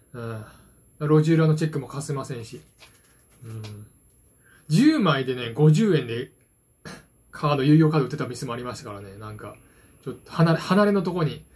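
Casual solo vlogger, man in his 40s, husky and slightly high-voiced, self-deprecating ramble. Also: a little mellow. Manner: self-deprecating, hesitant asides. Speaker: vlogger, card game hobbyist. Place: small dim room at home, indoors. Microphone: phone propped at arm's length.

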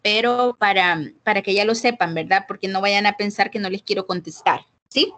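A woman's voice: mid-range voice, fairly even intonation, moderate pace, fairly bright tone. A woman with a Salvadoran Spanish accent teaching an English class over a video call, switching between Spanish and English and questioning students. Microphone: computer mic on a video call.

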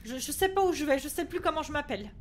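A woman's voice: high-pitched, animated, fast talker, slight background noise. A woman streaming a horror game, panicking, swearing and shrieking at it between thanks to viewers.

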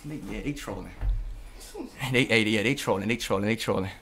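A man's voice: on the low side, fairly quick, fairly bright tone, faint music behind. A young man livestreaming casually, talking in hyped frat-bro slang to his chat. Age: teens to young adult. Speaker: live streamer. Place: bedroom at home, indoors.

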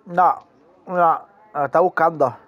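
High-pitched dude gaming w a friend, teasing banter, gets loud and hyped. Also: male voice, slow, soft background music. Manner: teasing banter that bursts into excited shouting. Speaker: gamer playing online with a friend. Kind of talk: casual gaming chat.

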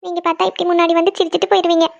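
A woman's voice: extremely high pitch, little pitch movement, racing, creaky, muffled recording. A woman voicing a young wife in a cartoon who misses her husband, speaking in an emotional, pleading way. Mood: longing. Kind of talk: cartoon voice acting.

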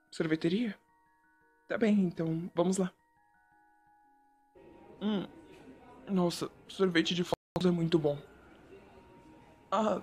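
A man voicing a shy, sweet young male photographer in a whispered role-play, talking softly and bashfully to the listener. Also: high voice. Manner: soft, gentle and bashful, addressing the listener.

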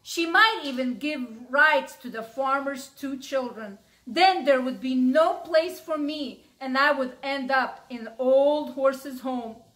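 Woman doing an anxious cart horse for a kids' story, worried and pleading, bright high voice. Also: slow pace, few pauses, poor audio.

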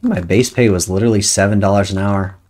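A woman's voice: very deep voice, steady tone, fast, darkish tone. A woman streaming a video game, chatting casually and thinking aloud as she plays. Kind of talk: casual chat while playing a game.

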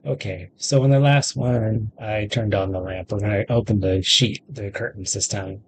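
On a rough recording with slight background noise, a gaming video host in his thirties keeps a steady tone and moderate pace, his voice on the low side. He rambles casually over faint game music and game audio.

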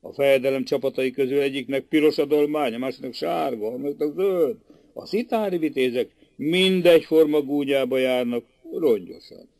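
A man narrating a classic novel as an audiobook in a lively, expressive storytelling manner. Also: mid-range voice, no echo.

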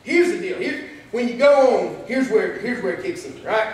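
A man with a very high voice preaches a casual, conversational sermon, often turning to the congregation with "right?". He is picked up from a distance, and the church hall rings with heavy echo under a faint background hiss. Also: lively intonation, normal speed. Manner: conversational, with frequent "right?" and "here's the thing". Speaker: pastor. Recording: echoey hall, distant mic.

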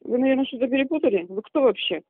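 A woman's voice: sits high, expressive, quick pace, breathy edge. A woman heard over a phone line, answering a prank call, puzzled and irritated as she questions the caller. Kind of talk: confused phone conversation. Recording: tinny narrow phone line.

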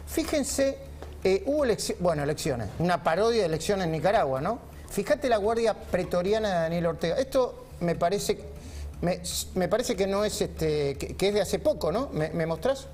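A man's voice: high-pitched, expressive, moderate pace, a little mellow, slight background noise. A man with an Argentine Spanish accent hosting a studio panel, ironic and commanding, giving orders to the crew as he talks. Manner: ironic, directs the producers mid-talk. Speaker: TV panel host. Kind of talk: opinionated studio panel talk. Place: TV news studio.

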